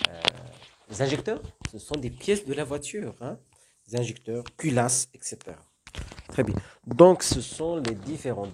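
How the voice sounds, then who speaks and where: This medium-pitched male voice comes with a little hiss or hum in the recording. The speaker, from North Africa, gives a classroom-style French vocabulary lesson, explaining slowly step by step with repeated questions and frequent "d'accord?" check-ins.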